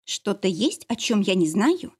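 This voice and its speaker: A guilty, uneasy young woman, as a woman reader plays her, hesitant and apologetic. She sounds a little higher and husky, with a lively voice. This is audiobook character reading. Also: measured pace.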